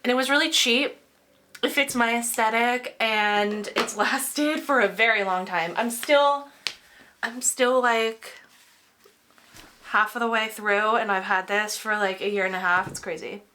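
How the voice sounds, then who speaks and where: Worn out by a cold, a young crafting vlogger chats aimlessly while packing orders, saying "like" constantly. Her slightly nasal voice is a little high and a little slow, with a pushed, bright quality.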